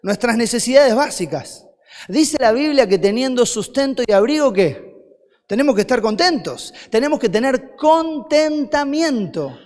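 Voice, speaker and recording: A man's voice: very high-pitched, expressive, normal speed, a little mellow. A man with a Rioplatense Spanish accent preaching a sermon as a guest preacher, firing rhetorical questions at the congregation and answering them himself. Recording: long hall reverb.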